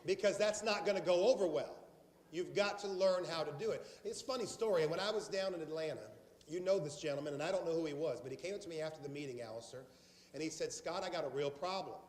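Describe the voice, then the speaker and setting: High-voiced South Carolina trainer in a hall. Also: male voice, fast, darkish tone, a little hiss or hum. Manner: emphatic, blunt, banters with the audience. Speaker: sales trainer. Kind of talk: live seminar training. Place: large meeting hall before a live audience. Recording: echoey hall reverb.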